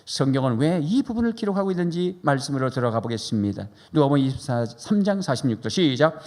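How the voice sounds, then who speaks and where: A man's voice: medium pitch, animated, fast. A man preaching as pastor, praying fervently and leading the congregation through questions and repeated phrases. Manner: fervent, repetitive, leads congregation in loud calls. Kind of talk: sermon with fervent prayer and call-and-response. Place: large church sanctuary. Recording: live church hall reverb with music.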